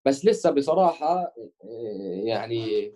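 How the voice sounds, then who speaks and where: Young man, Palestinian-Jordanian Levantine accent, dark relaxed tone, casual musician interview, code-switches into English. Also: mid-range voice, unhurried. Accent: Levantine Arabic, Jordanian-Palestinian. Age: young adult. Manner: mixes English words into Arabic.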